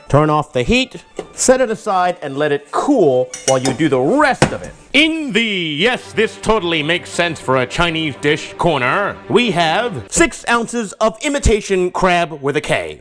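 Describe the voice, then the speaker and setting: Tipsy, goofy man, higher-pitched and animated. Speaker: host of a drunk cooking tutorial. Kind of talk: casual, jokey cooking lesson. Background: music.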